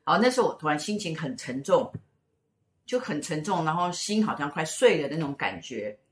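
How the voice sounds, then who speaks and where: A woman's voice: deep voice, sing-song, brisk. A middle-aged woman, co-hosting a casual chat show and telling stories in a rambling way, with many fillers and repeated words. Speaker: co-host and spiritual teacher. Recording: roomy echo.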